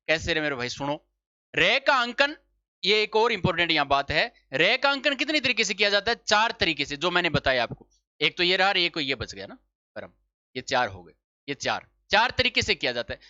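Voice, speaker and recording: A man's voice: high-pitched, pushed and bright, no room sound. A man teaching a Hindi grammar lesson for exam preparation. He asks questions, answers them himself, repeats the key points and checks that the class has understood. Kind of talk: exam-prep spelling lesson. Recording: dull lo-fi sound.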